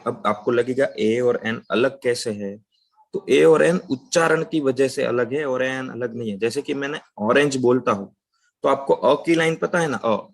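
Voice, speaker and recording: A man teaching an English grammar lesson, explaining patiently, checking in with "right?" and saying example sentences slowly. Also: mid-range voice, gravelly.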